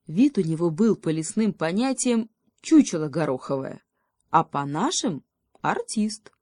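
A woman reads a fairy tale aloud in a calm, very slow storytelling manner. Her voice is somewhat low and mellow. The recording is close and dry. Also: no echo. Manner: calm, unhurried reading. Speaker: audiobook reader. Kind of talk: storybook narration.

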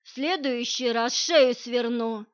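A curt, exhausted male guard, voiced by a woman narrator in an audiobook. He answers in short, flat, dry lines in a fairly high register. The audio sounds dull and lo-fi. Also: slow. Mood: growling. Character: gruff tired male security man, curt.

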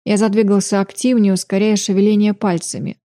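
Mellow woman reading an audiobook. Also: medium pitch, steady tone, a little fast, no room sound, clean studio sound. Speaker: audiobook narrator. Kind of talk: first-person romance fiction narration.

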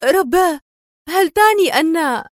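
A woman voicing a nervy, sharp-tongued young woman agent who sounds tense and snappish. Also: mid-range voice, animated, brisk, gravelly, no room sound, studio quality.

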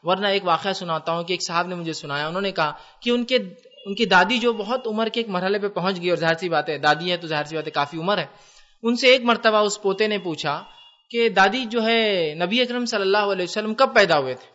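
Bright-voiced man giving a lively lecture. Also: high-pitched, muffled recording. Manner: conversational, asks the audience questions; mixes English words into Urdu. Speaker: Islamic lecturer. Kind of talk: religious lecture to students.

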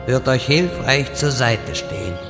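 Man playing Medivh, a pompous creaky-voiced wizard. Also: medium pitch, lively intonation, measured pace, music in the background. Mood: grandiose. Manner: grandiose, theatrical, slipping into petulant slang. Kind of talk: comedic fantasy audio drama parody.

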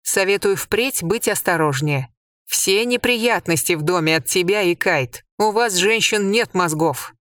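A reader voicing a stern, commanding young husband in an audiobook. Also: male voice, high voice, measured pace, fairly bright tone, no room sound, studio quality. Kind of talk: audiobook character voice.

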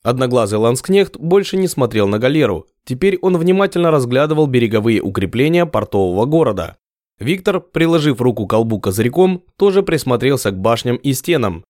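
Male audiobook narrator, lively reading, dry room. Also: mid-range voice, no echo. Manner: lively, measured storytelling. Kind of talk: scripted narration.

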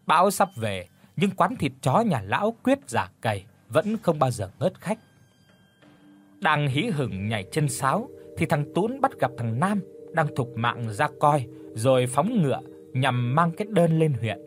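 A man narrating an audio story in an expressive, lively storytelling manner. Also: a little high, measured pace. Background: faint background music.

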